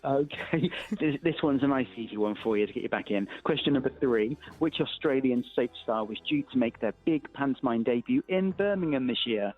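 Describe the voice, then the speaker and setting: A man's voice: medium pitch, animated, a little fast, hardly any pauses. A man with a Wiltshire accent chatting casually as a radio quiz guest, jovial and teasing. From Wiltshire, England. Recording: slightly dull radio audio, music underneath.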